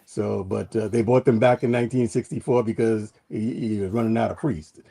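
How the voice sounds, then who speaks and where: A man with a dark, relaxed voice talks casually on a panel. He explains haltingly, stammering and repeating words as he goes. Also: on the low side, vocal fry, slightly rough.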